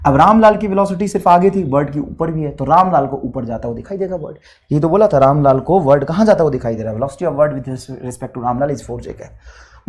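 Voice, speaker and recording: Guy teaching physics, calls kids beta, super animated up and down voice, drags out the english bits. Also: a little high. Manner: calls students "beta", drawls English question text slowly. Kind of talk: classroom lecture.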